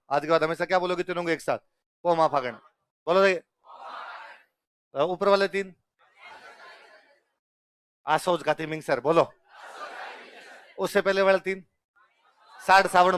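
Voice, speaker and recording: A male teacher, drilling a class in call-and-response and telling them to keep quiet. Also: high-pitched, clean tone. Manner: drills the class, repeating words for them to echo; scolds the class to stay quiet.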